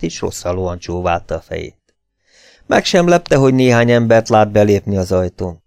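Guy reading an audiobook, low voice, dry close sound, really lively delivery. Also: no echo. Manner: lively, expressive reading with sudden pitch jumps. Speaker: audiobook reader. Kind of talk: scripted audiobook narration.

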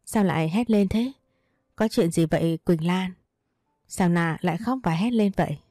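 A woman reading the lines of a caring husband in a soft, patient, soothing way. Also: on the low side, moderate pace, dry recording, studio quality, natural voice. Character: gentle caring adult husband, man. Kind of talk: read storybook dialogue.

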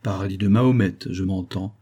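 A man reading the part of a boastful, chatty customs captain in his mid-thirties, full of flattery. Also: low voice, a little fast, slightly rough. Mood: gallant. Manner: swaggering, flattering.

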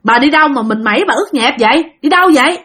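A woman doing a gruff, scolding middle-aged husband. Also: sits high, lively intonation, racing, a bit bright. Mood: worried.

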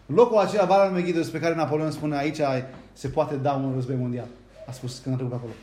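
A man preaching a sermon, reading scripture aloud and often turning to the congregation with a quick rhetorical question. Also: on the high side, darkish tone, roomy sound. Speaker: pastor. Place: church hall.

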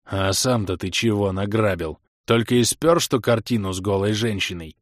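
A man's voice: fairly low pitch, moderate pace, dry recording, studio quality, close to an everyday voice. A man voicing a sarcastic, grumpy male gnome thief in an audiobook.

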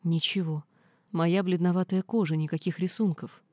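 A woman reading a first-person fantasy novel aloud in steady storytelling. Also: fairly low pitch, normal speed, no room sound. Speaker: audiobook reader.

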